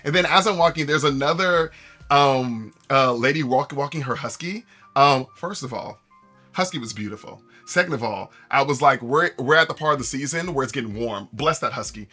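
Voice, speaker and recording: A man's voice: medium pitch, normal speed, faint music behind. A man streaming live, chatting casually to viewers and telling a story with lots of restarts and acted-out quotes. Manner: animated storyteller with many restarts and quoted voices.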